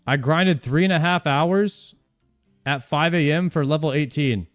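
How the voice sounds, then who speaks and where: A man's voice: fairly high pitch, a little slow, dry recording, clean studio sound, faint music behind. A young man streaming a game, chatting casually and joking as he plays, often repeating himself mid-sentence. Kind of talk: casual live-stream commentary while playing.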